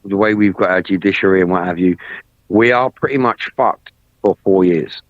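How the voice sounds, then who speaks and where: A man's voice: sits low, moderate pace, no room sound. A man talking politics in a casual chat, blunt and full of swearing, often repeating himself. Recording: dry, dull lo-fi sound.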